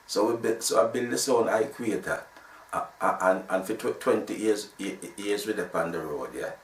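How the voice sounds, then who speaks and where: Recorded off-mic in a roomy space, this casual interview features a man in his sixties from Jamaica who founded a sound system. He speaks with a Jamaican accent, a fairly low pitch, and normal speed. His storytelling wanders and keeps restarting.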